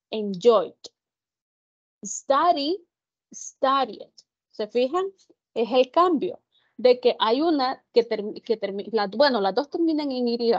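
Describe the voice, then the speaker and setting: A woman's voice: fairly high pitch, dry recording, lo-fi sound. A woman teaching English grammar in Spanish to an online class, explaining patiently and asking students if they follow. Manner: patient, explains slowly, addresses students directly.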